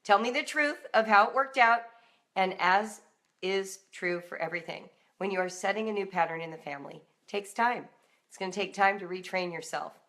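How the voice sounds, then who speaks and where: In an informal live talk, a middle-aged American woman coaches parents, addressing listeners directly and with emphasis, conversationally. A parenting and homeschool coach and broadcast host, she speaks at normal speed in a mid-range, slightly bright voice.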